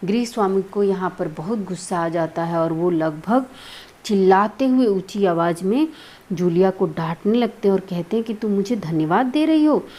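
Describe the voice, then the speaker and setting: A woman's voice: on the low side, normal speed, a little mellow. Woman teacher explaining a lesson. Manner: explains word meanings step by step.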